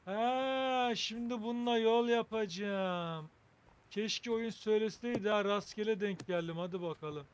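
A man with a high voice gives casual commentary on a video game as he plays. He thinks aloud in a wry, joking way, chatting to his viewers. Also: fairly even intonation, unhurried, slight background noise. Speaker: gaming video host.

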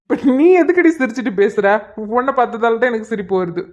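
A woman's voice: a little high, lively intonation, fast talker, highs cut off, lightly acted. A woman doing a put-upon young cartoon boyfriend. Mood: exasperated pleading. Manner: pleading, put-upon groaning. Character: young college man, exasperated boyfriend. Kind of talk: cartoon voice acting.

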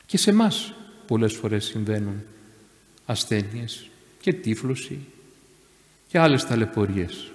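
A man giving a sermon as a monastery elder, emphatic, repeating phrases and rising louder on key words. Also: lowish voice, sing-song, long pauses. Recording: echoey church reverb.

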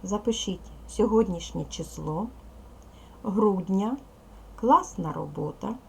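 A woman's voice: mid-range voice, animated, takes it slowly, gravelly, dark tone, a little hiss or hum. A woman teaching second graders in a recorded video lesson, patiently spelling out sounds and syllables one by one. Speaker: primary school teacher.

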